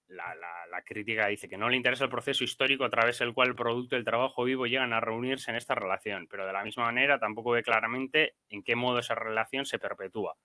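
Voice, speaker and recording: A man's voice: medium pitch, sharp tone, no room sound, clean studio sound. Hesitant Spanish man with a sore throat. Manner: halting, many fillers and restarts. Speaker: seminar participant presenting a reading. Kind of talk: explaining a text in a study seminar.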